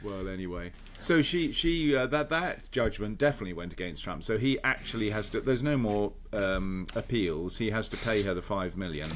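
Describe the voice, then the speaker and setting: A man's voice: lowish voice, lively intonation, moderate pace, few pauses, slight background noise. A man co-hosting a podcast in casual chat, rambling and hesitant as he hunts for words. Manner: rambling, hesitant, full of ums and restarts. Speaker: podcast co-host.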